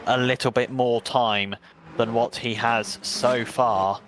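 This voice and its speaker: A man's voice: mid-range voice, steady tone, noisy background. English man calling a sim race. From England. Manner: brisk, chatty play-by-play with self-mocking asides. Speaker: race commentator. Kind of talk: sim racing commentary.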